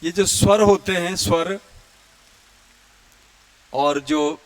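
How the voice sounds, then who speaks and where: Male Hindi grammar teacher, high and unhurried, dry close sound, clears his throat often, chants vowels as examples. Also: no echo. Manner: explains slowly, chants vowels and Sanskrit verse to demonstrate. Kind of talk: classroom lecture.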